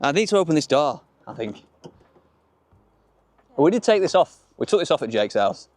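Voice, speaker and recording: This man from Yorkshire, England is very animated, with a fairly high voice at a moderate pace and no echo, as he presents a chatty car vlog in colloquial British slang. He's outdoors in and around a small open-top car, and car and outdoor noise fill the recording.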